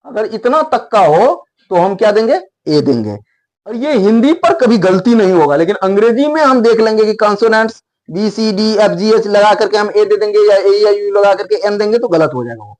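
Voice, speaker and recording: Man, high-pitched voice, grammar teacher, emphatic, repeats himself, spells out letters. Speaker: English teacher. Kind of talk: explaining grammar in Hindi, writing on a board.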